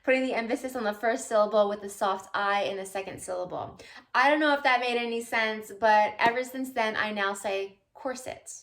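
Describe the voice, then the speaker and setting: A woman's voice: on the high side, a little fast, fairly bright tone. A woman vlogging casually at home, answering viewer questions in a chatty, playful way with loose tangents and asides. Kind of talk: casual chat.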